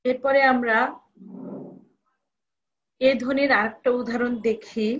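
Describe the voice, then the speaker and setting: A woman's voice: fairly high pitch, fairly even intonation, slow, lo-fi sound. A woman college lecturer giving a recorded lesson, repeating each rule and asking students questions.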